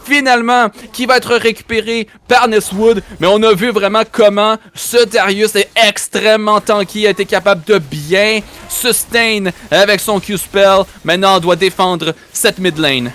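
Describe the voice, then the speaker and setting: A man's voice: high-pitched, a little slow, hardly any pauses, fairly bright tone. A man with a Quebec French accent giving live esports match commentary, often repeating and restarting his phrases. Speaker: esports play-by-play caster.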